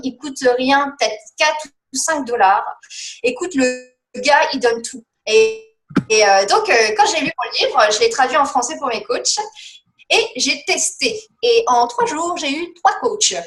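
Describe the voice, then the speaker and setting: A woman's voice: high voice, fairly bright tone, roomy sound. A woman giving rambling, chatty coaching advice on a team call, with many fillers and laughs. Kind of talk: casual motivational coaching talk.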